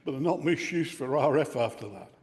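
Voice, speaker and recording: Radio enthusiasts hear a technical talk from an older Australian man, their amateur radio club speaker, in an indoor room where equipment sits on a bench. He sounds expressive and brisk, medium in pitch with a darkish tone, and the room echoes like a hall.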